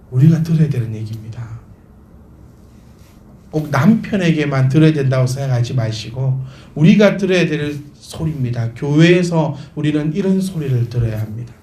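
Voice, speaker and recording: Inside a church sanctuary with roomy hall echo, a male pastor preaches to his congregation. His voice is on the high side and a little mellow, and he speaks emphatically, full of rhetorical questions.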